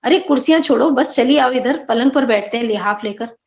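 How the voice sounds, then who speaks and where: A woman teacher reading aloud the lines of a lonely young wife who now warmly welcomes her friends, in a slightly raised, lively voice. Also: fairly high pitch, brisk, gravelly, highs cut off. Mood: welcoming. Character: young wife, lonely, newly cheerful hostess.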